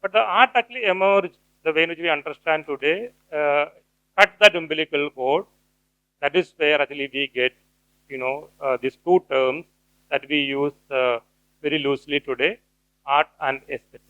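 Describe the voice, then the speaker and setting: A middle-aged man giving an academic lecture, pausing often with fillers and restarts. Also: on the high side, bright, forceful tone, muffled recording. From India. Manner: hesitant, many fillers and restarts. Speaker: guest speaker, cultural theorist.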